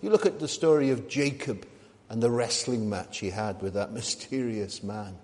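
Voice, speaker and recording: Preacher in a reverberant church. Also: male voice, on the low side, normal speed, darkish tone. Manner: conversational, asks the listeners questions, frequent ums and restarts. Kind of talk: sermon. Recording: long hall reverb.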